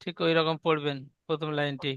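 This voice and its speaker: Man teaching letter sounds, slow patient drill, bright gravelly voice, flat pitch. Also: dry recording, muffled recording. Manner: slow, patient, repetitive recitation. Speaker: Quran reading teacher. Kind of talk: online class lesson, drilling letter sounds.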